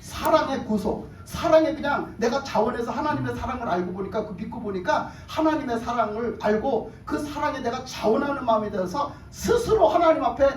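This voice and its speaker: A pastor preaching a sermon, telling a personal story in a lively, colloquial way that flares into excitement. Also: male voice, very high-pitched, brisk, hardly any pauses. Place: church sanctuary. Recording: roomy church hall, far from the mic, faint background noise.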